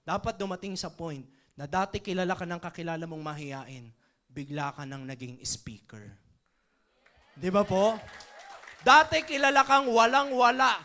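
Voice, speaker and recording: Animated, high-voiced male trainer. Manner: playful, animated, addresses audience. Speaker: motivational trainer. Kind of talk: seminar talk with a comic story. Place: training event before an audience.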